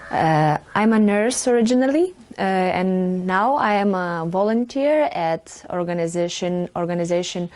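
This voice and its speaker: A woman from Lithuania, a nurse volunteering abroad, speaking reflectively with frequent fillers and pauses. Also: on the low side, animated, a little mellow, no room sound. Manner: reflective, hesitant, many fillers. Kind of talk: interview testimonial.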